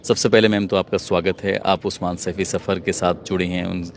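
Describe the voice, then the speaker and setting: A man hosting an interview who introduces his guest and asks polite, measured questions. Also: deep voice, flat delivery, slight background noise. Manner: polite, measured questions with short listening murmurs. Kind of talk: interview host.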